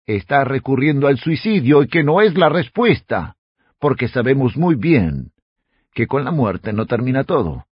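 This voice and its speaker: A man's voice: mid-range voice, sing-song, a little slow, slightly rough, no room sound, dull audio. A man preaching a radio sermon as a pastor, speaking earnestly and addressing the listener directly as a friend.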